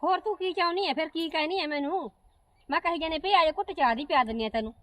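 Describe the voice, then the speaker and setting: Casting: woman as a calm elder aunt; a high voice, quick, placating but sharp. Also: dry recording. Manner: soothing, then chiding. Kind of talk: amateur comedy short film acting.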